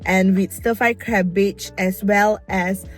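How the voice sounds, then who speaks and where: Lively woman student presenting. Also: mid-range voice, slow, faint music behind. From Malaysia. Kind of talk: class presentation.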